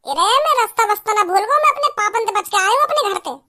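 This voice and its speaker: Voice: very high voice, lively intonation, fast talker, bright, forceful tone, exaggerated voice. A performer voicing a blunt, swearing cartoon young man who rants. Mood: ranting. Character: hot-headed young man Bhajji, foul-mouthed.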